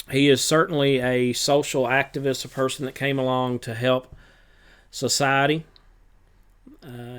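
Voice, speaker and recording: A man with a clear, smooth voice at a middle pitch, talking as a teacher reviewing for a test. He speaks in a relaxed, unhurried way and fills pauses with uhs and ums. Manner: relaxed, with many filler uhs. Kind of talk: recorded review lesson.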